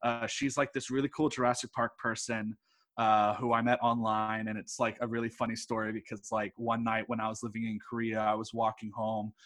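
A man in his twenties from Texas, USA, who hosts a film podcast, appears as a guest on another podcast. He chats with enthusiasm and rambles, full of "like" and "uh." His voice is on the low side, level, fairly quick, and a bit bright.

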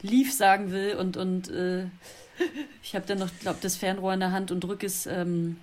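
A woman's voice: mid-range voice, little pitch movement, normal speed, darkish tone, a little hiss or hum. Woman player, emotional, lots of ums and hesitations. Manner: emotional, hesitant, many fillers. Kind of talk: casual tabletop role-play.

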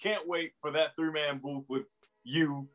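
A man's voice: on the high side, fairly even intonation, measured pace, fairly bright tone, faint music behind. A man hosting a casual sports interview, informal and affirming, repeating himself for emphasis. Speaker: podcast host.

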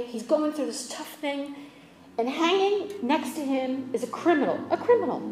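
A woman preaching a sermon, shifting between dramatic swells and quiet, chatty asides to her listeners. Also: high-pitched, echoey room, slight background noise, rough recording. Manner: dramatic swings in volume with conversational asides.

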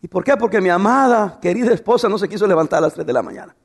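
Male pastor, sermon. High voice with lively swings, rhetorical questions and humorous asides. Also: rapid-fire, husky. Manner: preaching with laughs and rhetorical questions; tells humorous stories about his wife.

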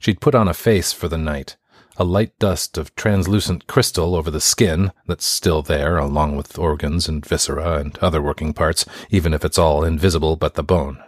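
A man's voice: extremely low pitch, normal speed, dry recording, studio quality. A man narrating a scripted first-person short story.

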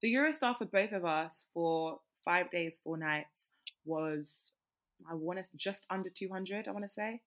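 A woman's voice: lowish voice, moderate pace, a bit bright. A British woman hosting a casual podcast, chatting in a slangy, emphatic way. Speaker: podcast host. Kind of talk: casual chat.

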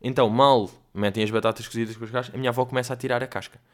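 Male host with a European Portuguese accent, casual solo storytelling, chatty and slangy, mid pitch. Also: fairly even intonation, rapid-fire. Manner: loose and chatty, full of slang fillers. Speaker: podcast host.

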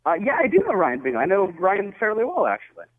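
A man's voice: sits high, huge pitch swings, fast talker, dry recording. A man, a morning radio co-host, calling in and chatting in a friendly way with a few stammered restarts. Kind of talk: casual chat over the phone. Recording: tinny phone line.

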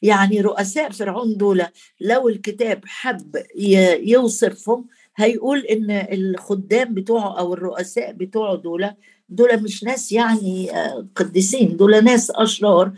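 A woman with an Egyptian Arabic accent delivers a Bible teaching sermon at a moderate, mid-range pitch. She talks conversationally and turns to her listeners directly. She recites verses in formal Arabic and stops now and then to find the right word. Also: normal speed, a little mellow, slightly rough. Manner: colloquial, addresses listeners directly; quotes scripture in formal Arabic. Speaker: preacher.

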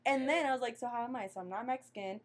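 A young American woman in a casual chat, telling lively, swear-filled stories that she often laughs through. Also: a little high, rapid-fire. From United States.

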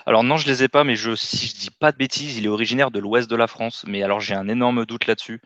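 A man's voice: medium pitch, steady tone, fast talker, fairly bright tone, no echo, highs cut off. A man co-hosting a casual sports podcast, hedging cautiously and using fillers. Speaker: podcast co-host.

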